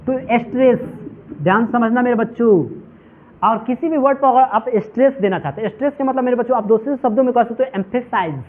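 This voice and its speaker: A male English teacher giving a classroom lecture, asking his students question after question and calling them "my children". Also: very high voice. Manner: repetitive call-and-response questioning. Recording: tinny phone-like audio.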